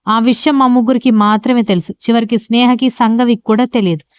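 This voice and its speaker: A woman's voice: fairly high pitch, steady tone, fast, clear, resonant tone, dry recording, close to an everyday voice. A woman reading a stern old grandmother. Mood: probing. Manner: questioning, probing. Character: elderly grandmother, stern and sharp-minded.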